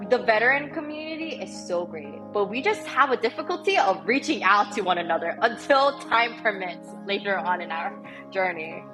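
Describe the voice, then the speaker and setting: A woman in her twenties, a podcast guest from the United States, telling her story warmly with many ums. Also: mid-range voice, animated, normal speed, over music. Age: 20s. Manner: warm, chatty with many fillers. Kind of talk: interview storytelling.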